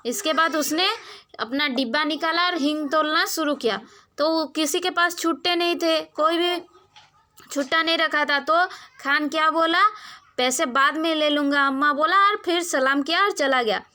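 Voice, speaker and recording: A woman teacher reads a story passage aloud to her pupils in a high, bright voice. She then goes back over it in plainer words, stopping to put questions to the class. Her talk is full of small hesitations and restarts. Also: moderate pace. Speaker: school teacher.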